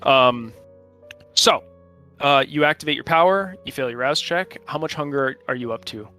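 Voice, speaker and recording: With faint music behind him, a game master leads a tabletop role-playing session in a bright, medium-pitched voice. He makes up the narration as he goes and explains the rules in a casual, halting way.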